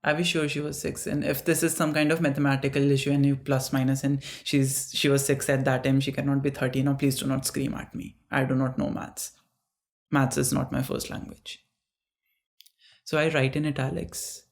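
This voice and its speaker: Someone reads their own dark fiction aloud slowly and deliberately, their medium-pitched voice a bit creaky. The halting reading stumbles and restarts now and then, breaking off into casual, self-mocking asides between passages.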